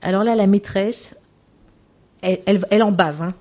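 A woman's voice: mid-range voice, moderate pace, darkish tone. Chatty woman lecturer. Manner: chatty, leaning on "hein" and "voilà". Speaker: lecturer on children's language. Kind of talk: spoken lecture with anecdotes.

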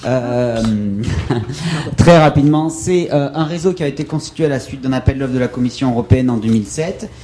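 A man speaking at a seminar, explaining his slide briskly in a mellow, darker tone. Faint noise sits under the recording. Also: mid-range voice. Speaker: conference presenter. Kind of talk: seminar presentation.

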